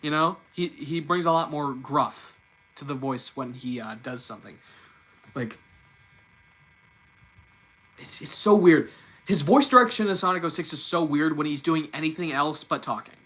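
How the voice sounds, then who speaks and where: A young man hosting a casual live stream, talking fast and often repeating and restarting his words. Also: fairly high pitch, a bit bright, rough recording. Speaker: livestream host.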